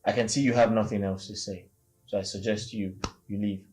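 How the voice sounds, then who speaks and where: A bitter man played by an actor speaks in a lowish voice in a screen drama. He is stern, measured and coldly polite, with faint music underneath. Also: steady tone, a little mellow, close to an everyday voice. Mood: cold refusal. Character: embittered, unforgiving man, coldly civil while refusing. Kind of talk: film drama acting.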